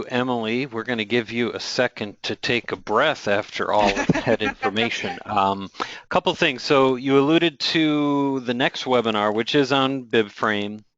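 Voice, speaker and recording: A man's voice: lowish voice, fairly bright tone, no room sound, lo-fi sound. A man hosting a webinar, wrapping up a session as a friendly moderator. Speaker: webinar host.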